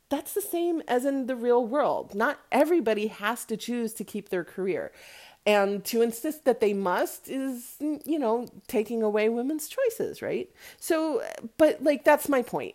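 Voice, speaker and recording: This podcast host and movie reviewer has a medium-pitched, slightly mellow voice. Her review monologue is casual and opinionated, delivered in a chatty, emphatic way, and she keeps checking in with listeners using rhetorical "right?" and "okay?".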